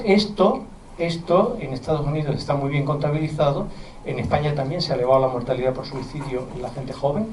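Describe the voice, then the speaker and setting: A middle-aged man with a mild Andalusian accent lectures earnestly to an audience of parents, slipping in conversational asides. His fairly high voice is picked up from a distance. It echoes around a roomy hall with faint noise underneath. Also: a little mellow. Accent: mild Andalusian Spanish. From southern Spain. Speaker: physician and university lecturer.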